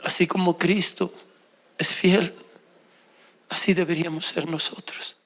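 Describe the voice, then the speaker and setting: A middle-aged man preaching an emotional sermon as pastor, swinging between loud exclamations and soft confessional tones. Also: high voice, little pitch movement, a little slow.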